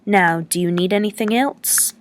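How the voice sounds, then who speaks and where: A woman's voice: medium pitch, moderate pace, a little hiss or hum, lightly acted. A woman reading the lines of a chatty, teasing male lodging-house keeper who rambles in a folksy way.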